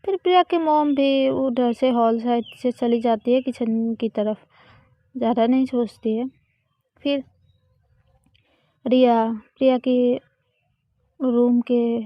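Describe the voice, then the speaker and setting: A woman narrating a serialized romance story in a slow, repetitive way with frequent self-corrections. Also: fairly high pitch, dry recording, lo-fi sound.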